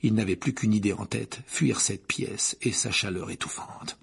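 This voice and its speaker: A man narrating an audiobook in a measured, even storytelling manner. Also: lowish voice, gravelly, breathy edge. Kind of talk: scripted narration.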